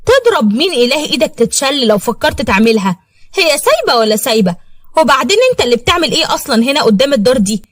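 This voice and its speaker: A fiery seventeen-year-old girl, played by a woman narrator, snaps back with quick insults in an Egyptian accent. Her voice sits high and races along. The recording is dry and close, like a storybook audio. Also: very animated, no echo. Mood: accusing. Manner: scolding, insulting, quick comebacks. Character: fiery, sharp-tongued teenage girl of seventeen.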